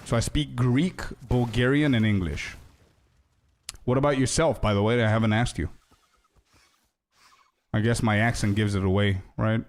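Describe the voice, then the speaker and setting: A young man streams a game while chatting loosely with viewers, calling them "bro" and wandering into asides and rambling stories. His fairly low voice stays fairly even, at normal speed, with long pauses between thoughts.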